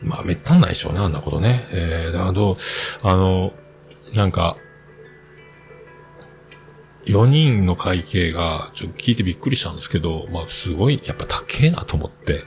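Man, lowish voice, very animated pitch, rambling solo talk, lots of fillers. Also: a little fast, vocal fry, pauses often, soft background music. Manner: rambling, chatty, many fillers. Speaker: talk show host.

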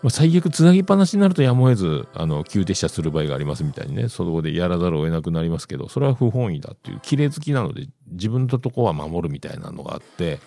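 A man's voice: sits low, big pitch swings, very fast, gravelly, few pauses, warm tone, soft background music. A middle-aged man, hosting a casual solo radio-style show in a rambling, chatty way with self-amused asides. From Yamaguchi, Japan. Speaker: podcast host.

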